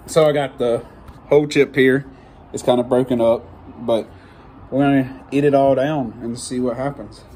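A man's voice: mid-range voice, fairly even intonation, moderate pace, warm tone. A man in his twenties chatting casually to the camera as a vlogger. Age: 20s. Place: small hotel-like bedroom, indoors. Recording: faintly noisy room recording.

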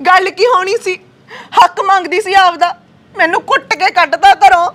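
A woman's voice: very high-pitched, moderate pace, a bit bright. A woman with a Punjabi accent playing a tearful married sister who wails and quarrels with her sister-in-law. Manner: wailing, quarrelsome. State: crying. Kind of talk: Punjabi web-series acting.

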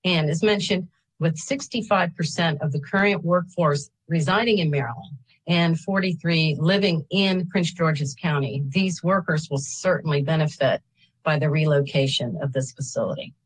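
A woman reads a prepared statement of support into her webcam at a public hearing. Her voice sits low and a little husky. She goes steadily through figures, pausing to correct small slips. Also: rough recording. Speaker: state agency representative giving public testimony. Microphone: computer webcam on a video call.

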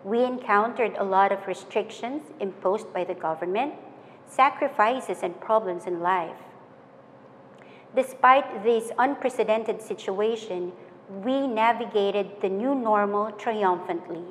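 Earnest woman giving a formal speech. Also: mid-range voice. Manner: measured, earnest, list-like delivery. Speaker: commencement speaker. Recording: hall reverb with faint noise.

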